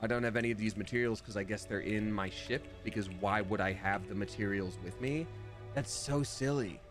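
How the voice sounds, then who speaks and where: A man's voice: on the low side, brisk, music in the background. A man streaming a video game with casual, playful live commentary and exaggerated reactions.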